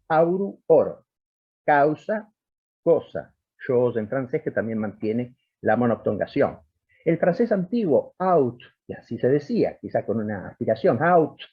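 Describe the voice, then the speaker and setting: A man's voice: mid-range voice, husky. Guy lecturing, voice swoops up and down a lot as he sounds out words, muffled video call audio. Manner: explanatory, stops to sound out example words. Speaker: linguistics lecturer. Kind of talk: academic lecture.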